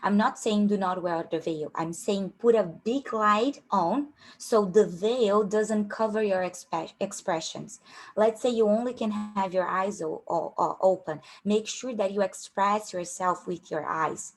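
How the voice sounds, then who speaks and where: A young career coach with a strong Brazilian Portuguese accent gives a casual online workshop about job interviews. She speaks at a measured pace in a medium-pitched voice, peppering her talk with fillers and restarts.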